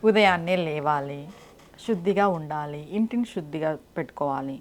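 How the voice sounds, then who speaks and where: A woman's voice: low voice, animated, normal speed. A woman giving devotional advice in a direct, instructive way, often asking rhetorical questions. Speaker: spiritual speaker.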